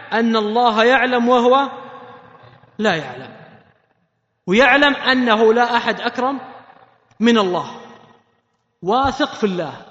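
A man preaching a sermon, animated and often questioning his audience. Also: high voice. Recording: echoey hall, muffled sound.

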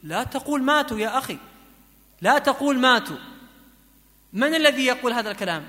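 A man preaching a sermon, chanting verses slowly and moving between soft pleading and emphatic exhortation. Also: very high-pitched, lively intonation. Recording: long hall reverb.

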